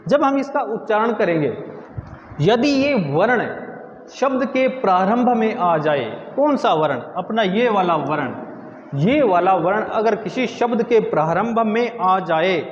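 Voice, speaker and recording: A man teaching Hindi grammar in a video lesson, who asks students questions, answers them himself and repeats words slowly. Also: sits high, roomy sound, big-room sound, dull audio, a little hiss or hum.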